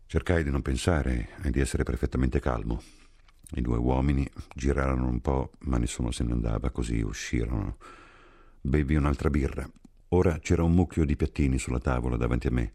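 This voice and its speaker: A man reading a literary novel aloud as an audiobook, in a grave, measured and hushed manner. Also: rumbling low, creaky. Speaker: audiobook reader. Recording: soft music behind.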